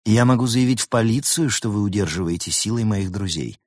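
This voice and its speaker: A man's voice: on the low side, a little fast, no echo, clean studio sound, lightly acted. Man voicing a cold, guarded fox. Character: wary clever male fox, just woken.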